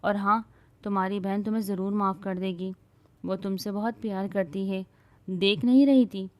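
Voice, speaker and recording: A woman's voice: medium pitch, steady tone, dry recording, close to an everyday voice. A woman narrator voicing a young husband who scolds his wife firmly, then consoles her. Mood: gentle. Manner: stern, raised voice.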